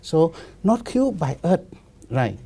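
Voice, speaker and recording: A Buddhist monk in his fifties speaking halting, repetitive non-native English with many restarts in a relaxed discussion. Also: a little high, creaky, slightly rough. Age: 50s.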